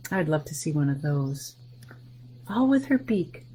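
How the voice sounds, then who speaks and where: A woman with a deep, sing-song voice leads library story time, reading a picture book a little slowly and describing its pictures for the children. She's gentle, often lowering to a soft whisper, with slight background noise present.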